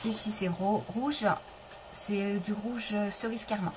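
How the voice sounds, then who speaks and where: Showing off her materials in a live-streamed papercraft tutorial, a middle-aged woman keeps the talk casual, often restarting sentences and responding to viewers. She has a medium-pitched voice with fairly even intonation and a measured pace, and there's noise in the background.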